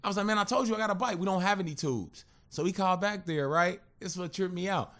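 A man in his thirties sits in as a podcast guest and tells his story in loose, casual talk. His voice sits a little high for a man, and he swears freely and jumps into the voices of the people in the story. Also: fast. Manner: animated, profane, acts out other people's lines.

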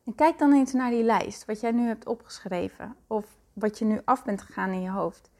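A woman's voice: a little high, steady tone, moderate pace, darkish tone. A woman giving a motivational self-love talk, speaking directly and earnestly to the listener.

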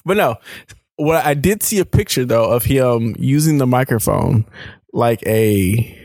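A man's voice: medium pitch, animated, measured pace, darkish tone, no room sound, studio quality. Rambling, laughing young man co-host. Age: young adult. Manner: rambling, laughing, lots of fillers and restarts. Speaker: podcast co-host. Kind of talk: casual chat.

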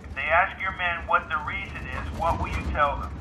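A man's voice: fairly high pitch, fairly quick, distant mic, voice pushed up. A man voicing a stern US president who gives clipped orders over a phone line. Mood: commanding. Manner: clipped and commanding. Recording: dull lo-fi phone sound with hiss.

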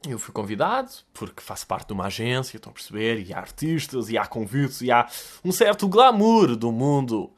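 A man's voice: medium pitch, sing-song, a little fast. A young man with a European Portuguese accent hosts a podcast in a casual comic monologue. He swears freely and breaks into voices and mimicked music. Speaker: podcast host answering listener questions.

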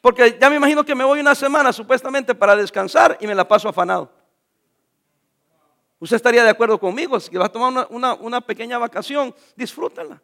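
High gravelly-voiced jovial pastor man. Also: quick pace, a bit bright. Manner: jovial, joking asides to the congregation. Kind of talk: sermon.

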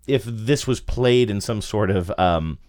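A man's voice: fairly low pitch, unhurried, darkish tone. A middle-aged man co-hosting a podcast, telling stories casually in a joking, incredulous way. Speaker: podcast co-host. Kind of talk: casual conversational storytelling.

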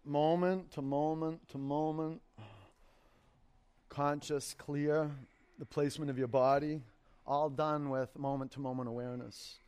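A man teaching yoga and meditation, giving guided instructions in unhurried short phrases with pauses between them. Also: a little high, little pitch movement, darkish tone, smooth.

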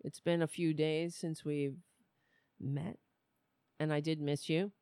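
A woman hosting a live political show, chatting casually to viewers in a loose, halting, conversational way. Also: deep voice, little pitch movement, mellow, clear, resonant tone, dry recording, studio quality.

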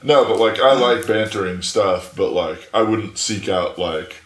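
A man's voice: fairly low pitch, a little slow. A young man from Arizona, chatting casually as a podcast guest, rambling with lots of fillers. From Arizona, USA. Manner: filler-heavy, rambling, laughs often. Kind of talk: casual chat. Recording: echoey room.

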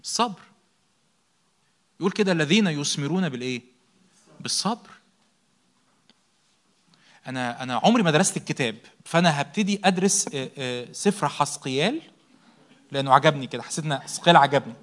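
A man's voice: a little high, lively intonation, fast talker, pauses often, a bit bright. A young man with an Egyptian Arabic accent preaching a sermon, asking rhetorical questions, answering them himself and repeating key words for emphasis.

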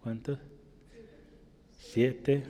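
A man's voice: mid-range voice, level tone, very slow, mellow, in a large hall, a little hiss or hum. A male pastor preaching a sermon, punctuating his points with "¿verdad?" and climbing to emphatic peaks.

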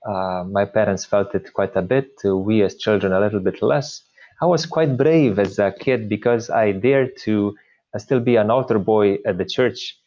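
Man, Slovenian accent, priest guest, low voice, dull lo-fi audio, hesitant. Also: darkish tone. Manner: hesitant, many filler pauses. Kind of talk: interview conversation.

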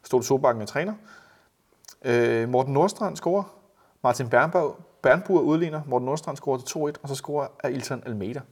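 A man co-hosting a casual football podcast, telling lively anecdotes and imitating the people in them. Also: mid-range voice, husky. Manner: animated storyteller, mimics others in anecdotes. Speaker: podcast co-host.

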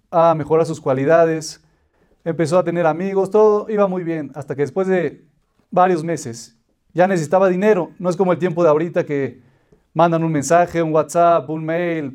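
A man's voice: on the high side, a little mellow. A man teaching a religious lesson, telling a parable and explaining it patiently in repeated listed phrases. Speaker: Torah teacher.

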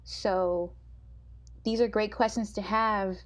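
A young woman co-hosting a podcast, chatting casually in a soft, comforting voice and laughing often. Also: medium pitch, fairly even intonation, slow pace. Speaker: podcast co-host. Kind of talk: casual chat.

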